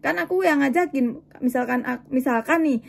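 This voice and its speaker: A woman's voice: high voice, normal speed, gravelly. A young woman from Indonesia who vlogs about life in Japan, chatting casually with viewers and acting out the conversations in her story. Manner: chatty, animated, acts out dialogue in quotes. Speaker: vlogger living in Japan.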